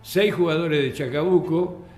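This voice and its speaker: An older Argentine man tells stories as a radio guest and acts out the voices of the people in them. His voice sits a little high. The studio sounds roomy and echoey, and soft music plays underneath. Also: a little slow. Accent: Argentine Spanish. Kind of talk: anecdotal storytelling on radio.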